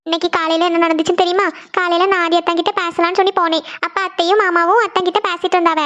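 A woman voicing a heartbroken, tearful young woman who speaks haltingly in a cartoon. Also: very high-pitched, little pitch movement, a bit bright, lo-fi sound. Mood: sad. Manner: halting, self-pitying. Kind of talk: cartoon voice acting.

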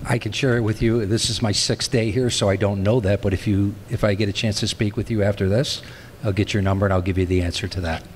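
A man answering a question at a public meeting, brisk and reassuring. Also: on the low side, steady tone, long reverb tail, a little hiss or hum.

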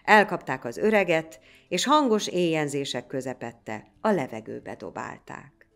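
A woman narrating a folk tale in a lively, dramatic reading style. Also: low-pitched, vocal fry. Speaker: storyteller. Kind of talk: storybook narration.

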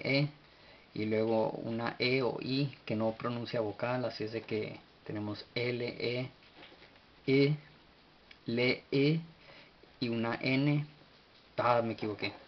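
A man's voice: on the low side, lo-fi sound, slight background noise. A man teaching an informal study lesson, spelling out words letter by letter, stopping to correct himself and chuckling now and then. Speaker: teacher of a religious study group.

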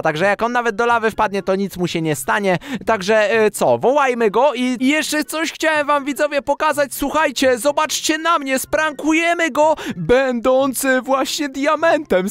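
A man's voice: high voice, clear, resonant tone, no room sound. A man giving playful, chatty Minecraft commentary, talking straight to his viewers and giggling often. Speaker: Minecraft YouTuber.

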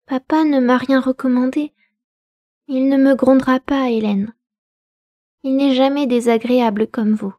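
A woman doing a bratty 13 yr old girl, high and excitable, whiny, storybook reading. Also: measured pace, pauses often, muffled recording. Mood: tearful protest. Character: spirited spoiled girl of thirteen, cheeky and quick to tears.

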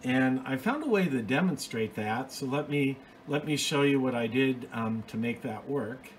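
Speaking at normal speed in an expressive, mid-range voice, this hobbyist video host walks through a hands-on explanation in a plain, methodical, informal way. The phone sits off camera at home, picking up slight hiss or hum.

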